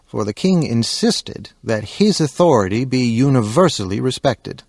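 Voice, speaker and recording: A man narrating an audiobook in a calm storytelling manner. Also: mid-range voice, moderate pace, no room sound, clean studio sound.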